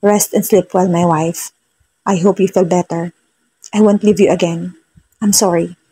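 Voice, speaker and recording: A woman voicing a gentle, concerned young husband who talks softly and slips into English. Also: high-pitched, flat delivery, unhurried, breathy edge. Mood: tender. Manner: soft, mixes English into speech.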